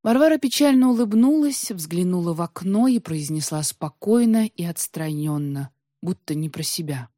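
A woman narrating a fantasy audiobook in a measured, unhurried way. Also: on the low side, expressive, mellow, dry recording, studio quality. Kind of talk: scripted narration.

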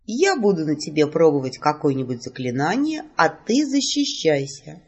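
A woman reading aloud and voicing a teasing, calm young male mage in a slow, lowered voice. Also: breathy edge, full character voice.

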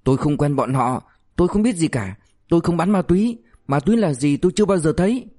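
A man's voice: fairly high pitch, normal speed, a little mellow, no echo, clean studio sound, close to an everyday voice. A man voicing a frightened male drug dealer who pleads and stammers for mercy. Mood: pleading. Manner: whiny, begging, stammering.

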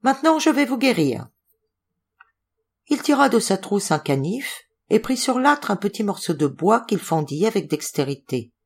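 A woman narrating an audiobook in an expressive storytelling manner. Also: medium pitch, normal speed, few pauses, husky. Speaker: volunteer audiobook reader.

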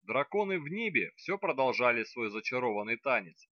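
A man narrating an audiobook with steady, measured reading. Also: medium pitch, no echo, lo-fi sound.

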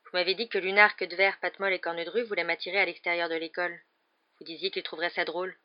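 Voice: mid-range voice, little pitch movement, fast, natural voice. A reader voicing an earnest teenage boy wizard student who talks in an urgent, pleading way. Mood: curious. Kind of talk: audiobook character voice. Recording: slightly dull lo-fi recording.

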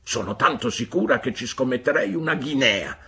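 Woman putting on a homely nursemaid, husky, coaxing, exclamatory, lively rising pitch, audiobook. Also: moderate pace, heavily acted. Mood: emphatic. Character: eager, coaxing female nursemaid, hearty and homely. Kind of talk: audiobook character voice.

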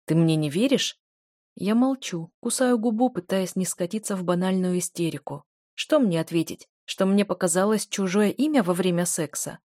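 A woman's voice: medium pitch, normal speed, few pauses, a little mellow, dry recording, studio quality. A woman narrating a first-person romance audiobook in an emotive reading style.

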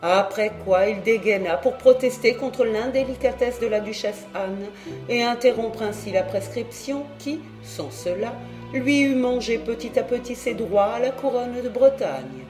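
A reader narrating a nineteenth-century novel in a measured storytelling manner. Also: medium pitch, animated, a little mellow, faint music behind. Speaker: audiobook narrator. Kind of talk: literary audiobook narration.

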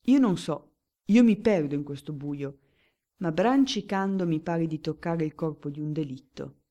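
A woman reading a pompous, dry old-style lawyer who lays out his suspicions like a courtroom speech. He declaims emphatically in a low, mellow tone, building his case point by point for the audiobook. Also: moderate pace, close to an everyday voice. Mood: declaiming.

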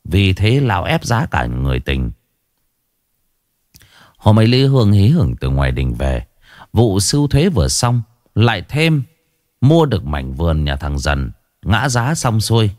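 Dramatic low-voiced ghost story narrator. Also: male voice, big pitch swings, a little slow, long pauses, darkish tone, dry recording, studio quality. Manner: dramatic, rising and falling delivery.

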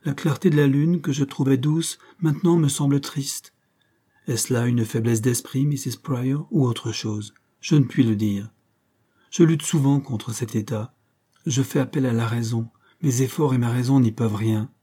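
A man voicing a shy, sad young woman in an audiobook, speaking slowly and wistfully. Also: mid-range voice, dark tone, close to an everyday voice. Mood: melancholy. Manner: slow, wistful, plaintive. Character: timid melancholy young woman.

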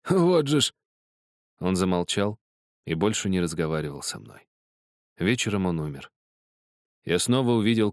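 A man reading a novel aloud as narrator, measured and expressive. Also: sits low, clean tone, no echo, clean studio sound. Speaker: audiobook narrator. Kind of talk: scripted narration.

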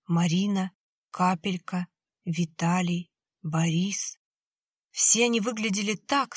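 Husky woman narrating horror. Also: medium pitch, dry recording, studio quality. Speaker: audiobook narrator.

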